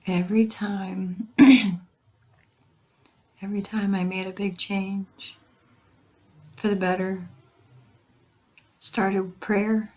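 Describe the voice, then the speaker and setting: A woman chatting casually to viewers in a halting way, her hoarse voice giving out and breaking into whispers. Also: mid-range voice, little pitch movement, a little mellow. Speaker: vlogger.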